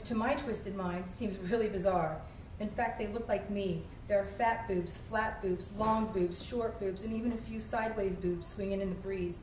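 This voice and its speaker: With a wry, self-deprecating touch, an author who works as a flight attendant reads a funny personal essay. Her voice is mid-range and a little mellow. It's captured from a distance in an echoey room, with a faint layer of noise.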